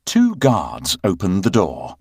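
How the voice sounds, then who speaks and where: A man narrating a fairy tale as a bedtime story for children, with expressive, drawn-out storytelling. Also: deep voice, slightly rough, no echo, studio quality.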